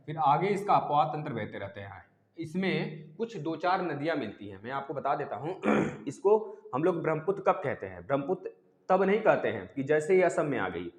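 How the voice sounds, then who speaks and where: A man giving an exam-prep geography lecture, repeating key terms and quizzing the students as he goes. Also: fairly high pitch. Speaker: teacher. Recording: echoey room with long reverb.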